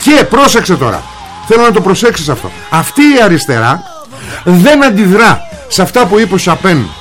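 A man's voice: high-pitched, very animated, a bit bright, faint music behind. A man hosting a political talk show, delivering a sarcastic, combative monologue straight at the viewer.

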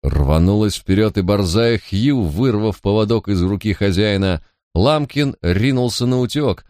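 A man narrating an audiobook in a measured, dramatic storytelling manner. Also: on the low side, darkish tone, no echo, studio quality.

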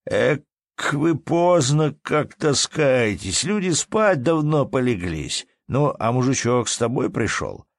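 A man's voice: fairly low pitch, very animated, measured pace, vocal fry, no room sound, studio quality, heavily acted. A man voicing a lazy, sleepy peasant innkeeper who drawls as he haggles. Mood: drawling.

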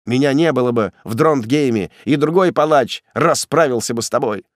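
A man voicing a grim male executioner who talks down to his prisoner in a cold, sneering, gruff way. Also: medium pitch, normal speed, no room sound, studio quality, lightly acted. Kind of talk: audiobook character voice.

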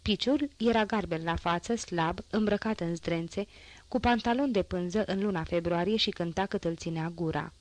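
Lady reading a classic novel aloud, lowish voice, measured pace, dry close mic. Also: dry recording. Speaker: audiobook reader. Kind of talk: audiobook narration.

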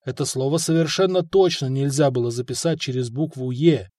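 A man narrating an audiobook in an even storytelling read. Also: medium pitch, fairly quick, dry recording, studio quality. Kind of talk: scripted narration.

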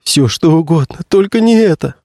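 A man's voice: very animated, moderate pace, vocal fry, mellow, no room sound, clean studio sound, full character voice. A man playing a terrified cornered actor. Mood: pleading. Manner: stammering, pleading, strained high. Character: frightened cornered male actor.

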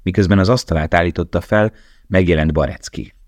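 A man narrating an audiobook in a calm, measured read. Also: sits low, dry recording. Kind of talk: scripted narration.

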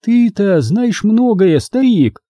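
A man's voice: high-pitched, big pitch swings, slow, mellow, no echo, studio quality, pitched above the performer's own voice, heavily acted. A man reading the part of a bossy, busy woman in an audiobook, who scolds and orders people about. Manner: scolding, commanding.

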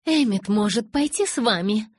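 A woman's voice: on the high side, animated, moderate pace, darkish tone, breathy edge, dry recording, clean studio sound, pitched above the performer's own voice. A woman reading an audiobook, voicing a spiteful blonde female vampire who hisses her words with scorn. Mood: furious. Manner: hissing, scornful. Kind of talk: audiobook character voice.

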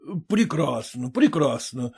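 A man's voice: on the high side, lively intonation, a little slow, darkish tone. A man reading aloud, voicing an irritable, pompous middle-aged master of the house who snaps at everyone. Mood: grumbling. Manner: gruff, snapping.

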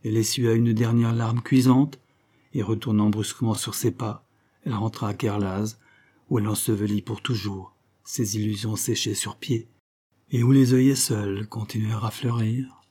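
A man narrating a classic story in a measured, even storytelling manner. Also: fairly low pitch. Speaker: audiobook reader. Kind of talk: scripted narration.

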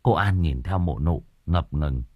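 A man narrating an audiobook story in a lively, expressive storytelling style. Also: very deep voice, unhurried, slightly rough, dry recording, muffled recording.

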